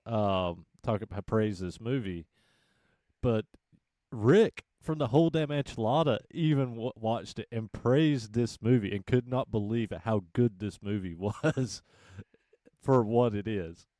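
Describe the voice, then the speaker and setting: Low-voiced man co-hosting a podcast. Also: measured pace, warm tone, no room sound, clean studio sound. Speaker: podcast co-host. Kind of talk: casual podcast chat.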